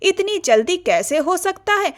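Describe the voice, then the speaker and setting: A woman's voice: very high voice, sing-song, a little slow, voice pushed up, heavily acted. A woman voicing a shy, nervous young woman in love who talks in a pleading, hesitant way in an audio novel.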